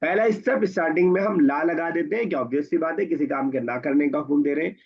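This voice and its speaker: A man's voice: a little high, quick pace, husky. A man teaching an Arabic grammar class, patiently explaining and quizzing his students. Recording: dull lo-fi recording.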